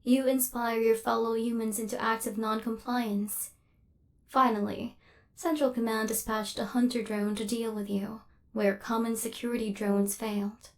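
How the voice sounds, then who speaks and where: A woman with a slightly high, natural voice speaks at a moderate pace and a level tone. In an ASMR roleplay she plays a cold, relentless female robot assassin, her delivery clipped, formal and mechanical.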